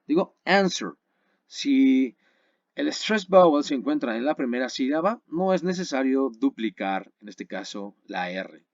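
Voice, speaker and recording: Lively-voiced man teaching a grammar webinar. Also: medium pitch, no room sound, highs cut off. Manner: explains patiently, checks in with "¿sale?" and "¿vale?"; slows down to spell and model English words. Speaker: English teacher.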